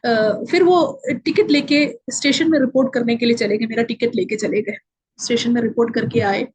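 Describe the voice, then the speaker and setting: A woman's voice: fairly high pitch, normal speed, darkish tone, a little hiss or hum, rough recording. A woman telling a personal faith testimony with strong emotion. She speaks Hindi mixed with English words and acts out the voices of the people in her story.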